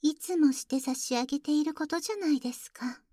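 A woman's voice: high voice, brisk, mellow, no room sound, natural voice. A woman voicing a polite but jealous young maid in an ASMR roleplay, speaking very formally and whispering close to the ear. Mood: teasing, jealous. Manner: very formal, deferential speech with teasing jabs. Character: polite, jealous young maid who calls herself boku. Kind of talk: ASMR roleplay audio drama.

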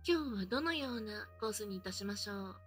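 Woman, mocking maid roleplay, sparkly bright tone, faint music underneath. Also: mid-range voice, lively intonation, quick pace. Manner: teasing, mocking, polite maid phrasing, giggling often. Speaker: voice roleplay performer.

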